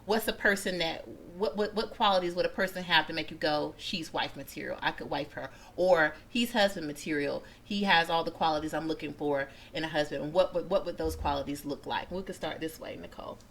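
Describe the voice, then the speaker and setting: A woman's voice: low-pitched, brisk, few pauses, a little hiss or hum. A woman who works as a matchmaker and dating coach, hosting a radio talk show in an upbeat, chatty way with many fillers.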